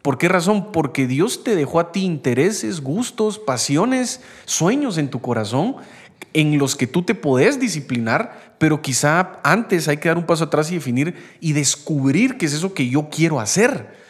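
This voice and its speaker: A man's voice: fairly high pitch, sing-song, normal speed, breathy edge. A young man, talking animatedly about faith and acting out the voices he quotes. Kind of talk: faith-based conversational talk.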